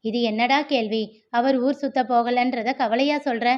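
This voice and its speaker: A woman voicing a caring middle-aged mother who talks briskly and offers food. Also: on the high side, fairly even intonation, muffled recording, close to an everyday voice. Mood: motherly.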